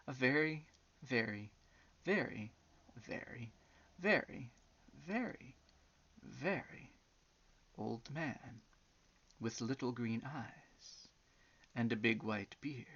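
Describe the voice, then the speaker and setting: Reading a children's story expressively, a woman stretches out words for theatrical effect and chats to her young listeners between lines. Her voice is extremely low yet fairly bright in tone, captured with dull audio.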